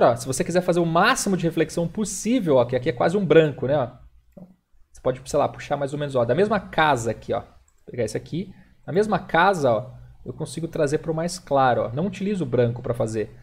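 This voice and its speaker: A young Brazilian man hosts a live painting lesson and talks in a loose, chatty way while he demonstrates. His voice sits a little high for a man. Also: darkish tone. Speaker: digital illustration instructor. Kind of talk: live-stream painting tutorial.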